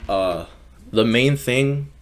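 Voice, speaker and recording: A man's voice: mid-range voice, expressive, very slow. A young man from Mexico, a podcast guest talking casually, swearing often and filling with "like". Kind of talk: casual conversation.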